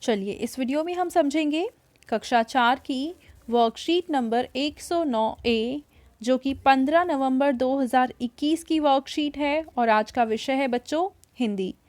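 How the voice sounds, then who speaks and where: With a high, slightly mellow voice, a woman teacher walks children through a worksheet patiently. She says words slowly and more than once, checking that they're following.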